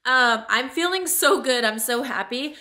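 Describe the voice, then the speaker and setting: A vlogger in her thirties chats candidly to a camera held at arm's length as she moves through her kitchen and living room, laughing often. Her high, bright, forward voice is a little raspy from a cold, with lively intonation and a slightly slow pace. The room adds a noticeable echo.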